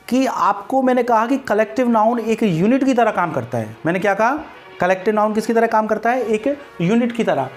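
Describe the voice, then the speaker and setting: A man's voice: sits high, darkish tone. A man from India with an Indian accent, teaching an English grammar lesson and quizzing his students by repeating questions back to them. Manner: repeats questions back to students and answers them, slow deliberate spelled-out examples. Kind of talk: classroom grammar lecture.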